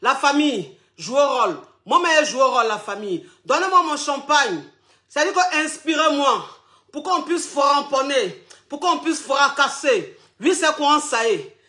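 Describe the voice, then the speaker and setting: A man hosts a playful online show, breathless and full of teasing laughter. His voice sits very high and sounds bright and forceful. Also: lively intonation, normal speed. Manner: flamboyant, teasing, laughs often, calls viewers "my loves". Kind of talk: playful live chat with viewers.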